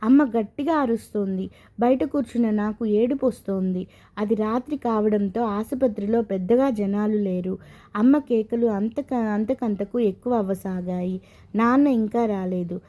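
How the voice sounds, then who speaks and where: A woman's voice: medium pitch, moderate pace, dark tone, natural voice. Sorrowful young husband, as a woman reads him. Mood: grieving. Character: grieving young married man, haunted by past.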